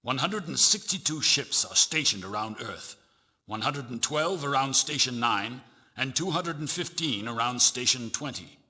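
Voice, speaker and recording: Husky, forceful fleet admiral. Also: male voice, mid-range voice, animated. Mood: solemn. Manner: formal, deliberate briefing delivery. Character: solemn, authoritative male fleet admiral. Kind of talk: dramatic video game voice acting.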